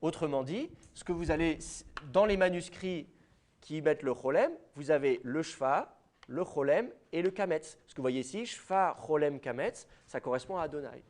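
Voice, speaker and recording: A man with a French accent lectures a university class, addressing the students directly and filling pauses with hesitations. His voice sits a little high and swings widely in pitch, animated as he explains. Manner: lively, explanatory, speaks to students directly with many fillers.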